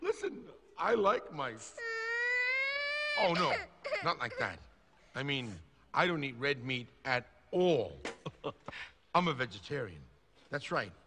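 Tiger, a giggly soft-hearted cat. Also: male voice, mid-range voice, sing-song, slow pace, pauses often, noisy background. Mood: sheepish. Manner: giggly, rambling, gentle. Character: big soft-hearted male cat, timid, friendly. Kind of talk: animated film voice acting. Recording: orchestral film score behind.

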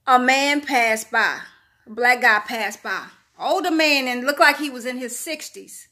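A woman's voice: high voice, measured pace, sharp tone. A middle-aged woman vlogger speaking straight to her viewers in a preachy, repetitive monologue. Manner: preachy, repeats herself, talks straight to viewers. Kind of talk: casual monologue to camera.

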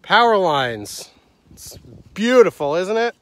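A man's voice: sits high, sing-song, takes it slowly, fairly bright tone, poor audio. A man chatting and joking playfully with a companion while filming a hike on a wooded trail. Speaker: hiker filming a trail vlog. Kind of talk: casual chat while hiking.

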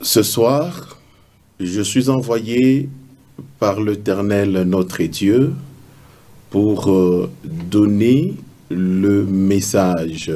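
Very slow, low-voiced man, solemn prophet. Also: mellow. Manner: halting, deliberate phrasing.

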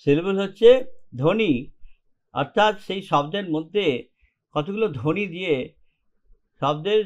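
This online lesson features a man explaining English grammar in Bengali, one step at a time, frequently asking if his students keep up. His voice is high-pitched and measured, and the audio is muffled.

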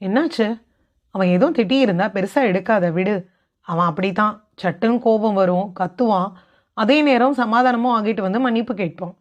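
A woman's voice: mid-range voice, moderate pace, natural voice. Middle-aged mother-in-law, firm and matter-of-fact, voiced by a woman narrator; storybook audio, dull sound.

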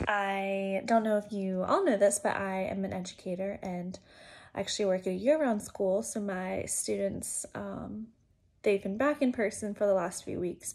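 A woman's voice: mid-range voice, a little mellow. A woman who works as an educator, giving an informal church devotional in a chatty, conversational way with frequent fillers.

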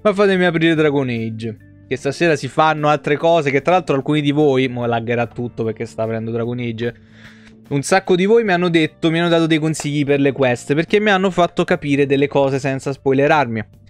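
This young adult streamer from Italy talks a little high and fairly quickly, faint music under his voice. Chatting on a close desk microphone at home, he's informal and rambling, cursing openly and doubling up words to stress them.

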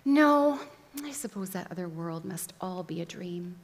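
A woman voicing an angry young schoolgirl in a sharp, higher voice, recorded in a reverberant hall. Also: big pitch swings, normal speed, slight background noise. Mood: dazed.

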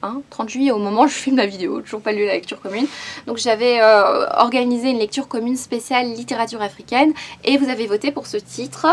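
Book vlogger, woman, slightly high pitch, casual and halting with many fillers. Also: fairly even intonation. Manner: chatty and hesitant, with frequent fillers. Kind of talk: casual book haul chat.

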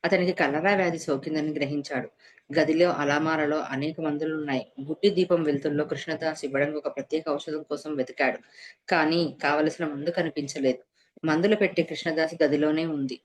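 A woman narrating a devotional story in a steady, measured reading voice. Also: low voice. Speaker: reader of a devotional serial. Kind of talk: scripted narration.

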